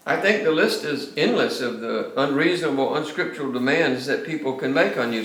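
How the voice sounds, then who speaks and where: A man's voice: fairly high pitch, a bit bright, far from the mic. An older man, a pastor giving a classroom lecture with anecdotes, emphatic and often restarting his words. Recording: echoey classroom.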